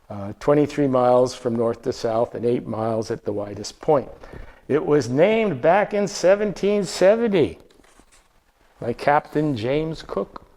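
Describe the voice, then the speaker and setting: A man's voice: mid-range voice, a little mellow. A man presenting a slideshow travel talk to a live audience, conversational, asking the room questions and often restarting his sentences.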